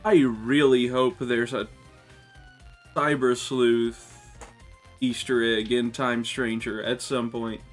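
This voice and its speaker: A man's voice: mid-range voice, little pitch movement, slow pace, pauses often. A man hosting a let's play, giving casual, conversational commentary on a video game. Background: faint music.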